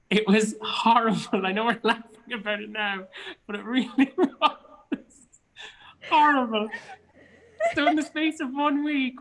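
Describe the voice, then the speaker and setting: This interview guest is a Cork-born actor with an Irish accent, swapping anecdotes in a relaxed, chatty way. Poor audio captures his high, slightly bright voice.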